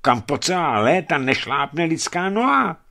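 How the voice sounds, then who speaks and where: A man voicing an excitable male expedition companion who talks emphatically. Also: fairly high pitch, vocal fry, voice pushed up, full character voice. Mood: emphatic. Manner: emphatic, exclaiming.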